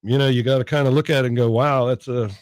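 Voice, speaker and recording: A folksy Southern man co-hosting morning radio who jokes and thinks out loud. His voice sits at an ordinary pitch. The studio sound is dry and close. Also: steady tone, quick pace, no room sound. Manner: folksy, jokey, muses aloud. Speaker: radio co-host. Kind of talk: casual morning radio chat. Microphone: studio microphone.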